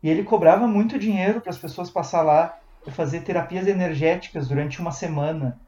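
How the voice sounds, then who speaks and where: A man's voice: on the high side, fast, dark tone, roomy sound, lo-fi sound. A man from Brazil chatting casually as a podcast co-host, telling a story with many restarts and tag questions. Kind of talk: casual chat.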